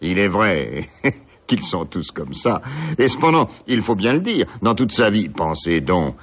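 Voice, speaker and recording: Man reading a sneering young son, husky voice, animated pitch, mocking laughs. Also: exaggerated voice. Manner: mocking, laughing, quick shifts of tone. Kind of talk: dramatic reading of a novel.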